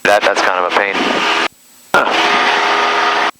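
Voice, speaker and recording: A man's voice: on the low side, level tone, slow pace. A man working as a flight instructor, chatting casually and explaining things over a headset intercom in a small plane. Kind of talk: casual instructional cockpit chat. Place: small aircraft cockpit in flight. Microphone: aviation headset intercom. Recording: noisy cockpit intercom, engine drone.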